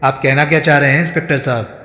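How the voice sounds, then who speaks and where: A man's voice: on the high side, fairly even intonation, fast, pushed and bright, echoey room, big-room sound. A man voicing an irritated young man, the suspect's fiancé, who answers curtly and indignantly.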